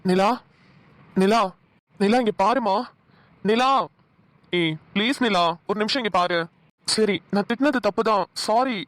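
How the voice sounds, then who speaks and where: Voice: mid-range voice, a little slow, pauses often, fairly bright tone, no room sound, close to an everyday voice. A voice actor playing a young cartoon husband who scolds his wife, then coaxes and teases her. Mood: pleading. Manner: scolding, then pleading and chuckling. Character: teasing young husband, bossy then coaxing. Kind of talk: Tamil cartoon dialogue.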